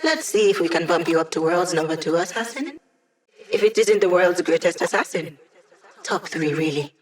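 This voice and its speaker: A woman's voice: lowish voice, animated, moderate pace, lightly acted. Hack, cocky young hacker played by a woman. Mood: playful, cocky. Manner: casual, wry, self-assured, technical. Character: brisk, confident, playfully cocky young female hacker guiding a squad. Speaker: mission support operator in a video game. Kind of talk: scripted video game voice acting.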